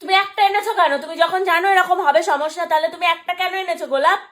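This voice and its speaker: A woman's voice: very high voice, fast, fairly bright tone. A young woman, a mother, squabbling playfully and mock-indignantly with her little daughter on a home phone video. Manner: teasing, mock-indignant, bickering. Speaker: mother, family vlogger. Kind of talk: playful family squabble on camera.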